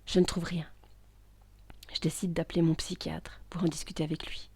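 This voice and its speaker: A woman narrating a first-person story in a hushed, intimate voice that is often whispered, with tense outbursts. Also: sits low, little pitch movement, normal speed, breathy edge, dry recording.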